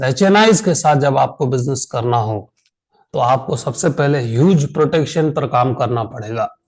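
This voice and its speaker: An Indian man leading an online insurance sales training, tired after a long meeting, speaking slowly and repeating key phrases for emphasis. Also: on the high side, a little mellow, low-quality recording.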